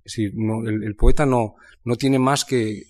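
A man from Spain talking about literature in a reflective conversation, thinking aloud with many pauses and restarts. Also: medium pitch, steady tone, a little mellow. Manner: thoughtful, halting, many restarts and fillers. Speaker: writer in conversation.

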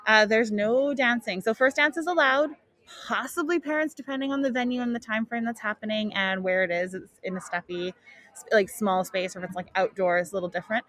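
A wedding planner running a live podcast from a wedding show speaks informally to her listeners through a face mask, often cutting herself off mid-thought. Her medium-pitched voice is fairly bright and a little fast.

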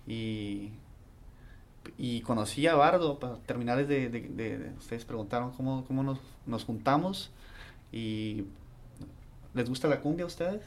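A man, a band member, talking in a halting way and searching for his words. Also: mid-range voice. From Colombia. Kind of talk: casual conversation.

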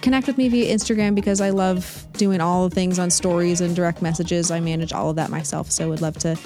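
Confident businesswoman on a podcast, lowish voice, quick no-nonsense explaining, faint music under it. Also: steady tone, mellow. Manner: confident, brisk, practical explaining. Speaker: podcast guest, business author. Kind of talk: casual interview talk.

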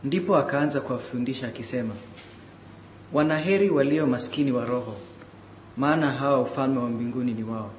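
A man's voice: mid-range voice, fairly quick. A man reading scripture aloud as a Bible reader. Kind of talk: scripture reading and short personal remark. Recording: echoey room with faint background noise.

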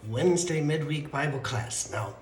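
Male Bible teacher, stuffy and congested, muffled down-a-well voice, fairly high for a man, echoey room. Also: expressive, moderate pace, a little hiss or hum. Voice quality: muffled, hollow, like talking from the bottom of a well. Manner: chatty, rambling, with self-corrections and asides. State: congested, stuffy nose from allergies. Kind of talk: casual midweek Bible lesson. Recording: echoey room with faint ambience.

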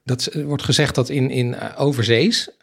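Husky-voiced man discussing a book. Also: mid-range voice, steady tone, moderate pace. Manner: thoughtful, retells plot at length.

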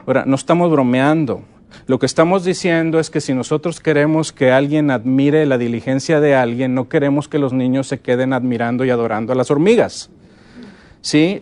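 A middle-aged man giving a conference lecture on teaching Bible stories, often checking in with his audience and slowing down to stress key words. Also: mid-range voice. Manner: lively, asks the audience frequent check-in questions.

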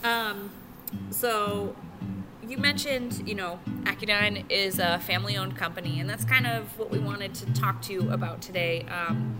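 A woman's voice: medium pitch, measured pace, over loud music. A woman co-hosting a podcast and chatting casually, bubbly, with frequent laughs and many ums. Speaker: podcast co-host, plastics engineer.

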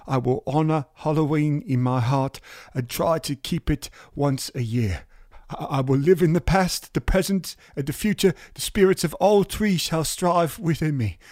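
A man's voice: fairly high pitch, darkish tone, no echo, clean studio sound, natural voice. A man playing a fussy, cowardly old miser in a comedy audio drama, stammering and theatrical. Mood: pleading.

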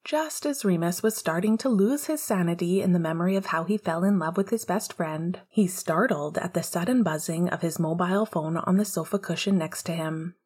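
A woman narrating a romance story in a soft, intimate way, often close to a whisper. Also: lowish voice, moderate pace, few pauses, breathy edge. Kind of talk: audiobook narration of fiction.

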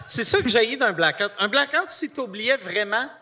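A man with a Québécois accent hosting a live podcast on stage, excitable, swearing and laughing often. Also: very high-pitched, normal speed. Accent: Québécois French. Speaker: podcast host. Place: stage before a live audience.

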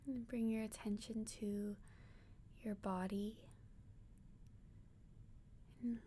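A woman guides a meditation in the style of a sleep story narrator, using a soft, breathy near-whisper that is soothing and gentle, with long pauses. Her mid-range voice is delivered flatly, and there's a little hiss or hum.

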